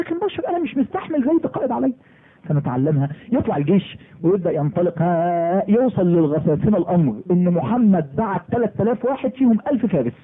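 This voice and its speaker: A man with an Egyptian Arabic accent telling a sermon story, lively and acting out the dialogue. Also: slightly rough. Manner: animated, acts out dialogue in lowered voice. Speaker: preacher. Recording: phone-like recording.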